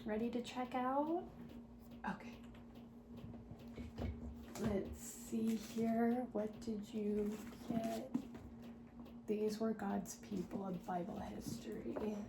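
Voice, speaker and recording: A woman doing a soft-spoken, ASMR role-play as a helpful, patient librarian, talking gently and politely as if serving patrons at the desk. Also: fairly high pitch, fairly even intonation, slow pace, long pauses. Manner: gentle, polite customer-service talk with small murmured asides. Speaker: ASMR performer playing a librarian at a checkout desk. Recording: roomy echo, clear background noise.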